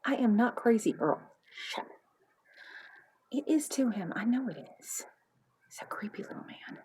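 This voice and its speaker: A woman voicing a nosy gossiping wife who pesters her husband, dropping to hushed whispers and then bursting out loud. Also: on the high side, lively intonation, moderate pace, pitched above the performer's own voice, lightly acted, rough recording. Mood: gossipy.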